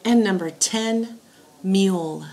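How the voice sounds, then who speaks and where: A woman teacher dictating spelling words and sentences in a deliberate way, setting words apart and repeating them. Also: medium pitch, a little mellow. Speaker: teacher giving a spelling test.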